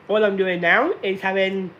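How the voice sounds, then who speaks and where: A man in his late thirties talking slowly and deliberately to viewers on a casual live stream, repeating himself often. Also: sits high, sharp tone, slight background noise. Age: 30s. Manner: slow, deliberate and repetitive. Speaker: livestreamer.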